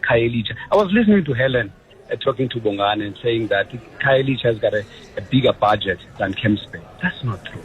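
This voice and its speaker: South african man ranting on a call-in show, voice jumps up loud, muffled phone sound. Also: medium pitch, animated, brisk. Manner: emphatic, complaining, loud rises. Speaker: radio caller. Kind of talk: phone-in opinion. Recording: lo-fi phone line.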